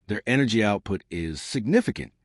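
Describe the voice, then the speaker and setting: A man's voice: lowish voice, expressive, a little fast, dry recording, clean studio sound, lightly acted. A man voicing a formal, uneasy alien male tactical officer reporting to his commander in a sci-fi story.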